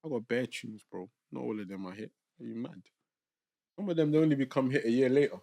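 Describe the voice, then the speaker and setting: A man with a London roadman accent and a mid-pitched voice talks casually on a podcast. He is a slangy, animated storyteller who slips into quoted dialogue as he explains his points. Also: fast, vocal fry. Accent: London roadman, multicultural London English.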